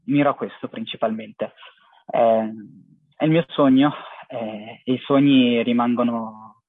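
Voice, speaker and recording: A young man giving an earnest, halting, reflective personal account as an interview guest. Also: mid-range voice, no room sound. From half Syrian family. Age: young adult. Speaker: interviewee, charity cycling traveller. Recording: thin phone-like call audio, husky dry sound.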